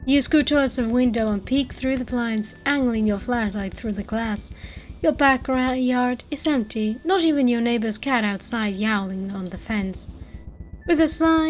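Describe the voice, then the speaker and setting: A woman storyteller giving a dramatic second-person narration with expressive emphasis. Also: fairly high pitch, low-quality recording.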